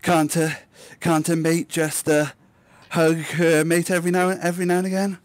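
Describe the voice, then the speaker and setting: A man voicing a tender, guarded female dragon mate with halting, soft-spoken delivery in a tabletop game. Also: a little high, completely flat delivery, dry recording, voice pushed up, lightly acted. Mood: sheepish, tender.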